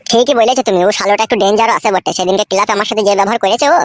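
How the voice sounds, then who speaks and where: A man voicing a scheming, boastful young village man in a cartoon, talking low and crudely. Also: steady tone, rapid-fire, lightly acted. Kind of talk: cartoon voice acting.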